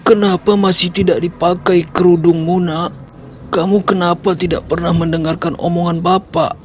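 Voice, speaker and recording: A man voicing a worried, devout father who speaks gently and pleadingly to his daughter. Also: high voice, level tone, normal speed, close to an everyday voice. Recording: music playing underneath.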